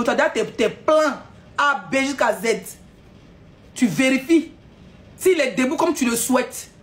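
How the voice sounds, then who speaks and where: A woman's voice: high voice, fairly bright tone. A woman ranting on a live stream, scolding and mocking her audience with frequent laughs.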